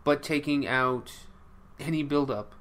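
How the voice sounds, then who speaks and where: Podcast guy with a bright sharp voice, blunt opinions, dry one-liners. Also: a little high, a little slow. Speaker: podcast co-host. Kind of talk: casual chat.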